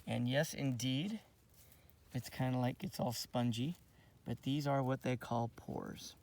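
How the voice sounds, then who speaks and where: A man's voice: medium pitch, measured pace, a little mellow, recorded from a distance. A man giving a casual outdoor nature lesson for kids on his lawn, friendly and rambling with lots of fillers. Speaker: outdoor education teacher.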